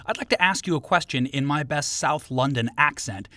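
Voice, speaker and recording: A man's voice: on the high side, moderate pace, pushed and bright, dry recording, clean studio sound. A male interview host reading playful scripted questions in a jokey, theatrical manner.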